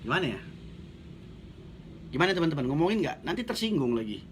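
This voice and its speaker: A man's voice: fairly high pitch, big pitch swings, a little fast, a little hiss or hum. Blunt, chatty man coaching. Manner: blunt, joking, chatty, laughs often. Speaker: network marketing coach. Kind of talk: casual live stream talk, reading viewer comments.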